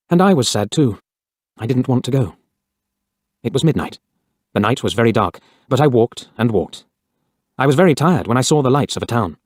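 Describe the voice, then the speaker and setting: A man narrating a first-person storybook reading in a plain, measured way. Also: medium pitch, darkish tone, dry recording, clean studio sound.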